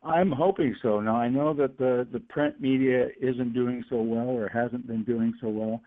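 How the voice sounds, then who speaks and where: A middle-aged man from Northern California, a guest cartoonist on a radio interview over the phone, who talks haltingly with many fillers and restarts. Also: mid-range voice, fairly even intonation, dry recording. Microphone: telephone. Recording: tinny phone line.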